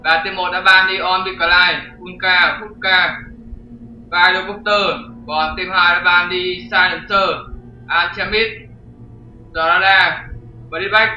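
A man's voice: sits high, fairly even intonation, takes it slowly, bright, forceful tone, a little hiss or hum. A man hosting his channel and commentating a game replay in a chatty, jokey way with crude slang. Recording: roomy, dull lo-fi with faint music.

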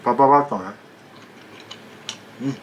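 A man's voice: mid-range voice, a little fast, lo-fi sound, a little hiss or hum. A man vlogging about food, chatting casually while eating and telling a rambling story with many asides.

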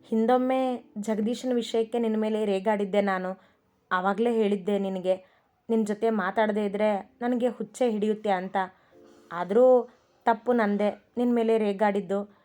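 A woman's voice: mid-range voice, steady tone, normal speed, pauses often, warm tone, natural voice. A woman voicing a loving young husband who apologizes tenderly to his wife in a storybook reading. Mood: pleading. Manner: pleading, affectionate, apologetic. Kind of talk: storybook narration with voiced characters. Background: faint music.

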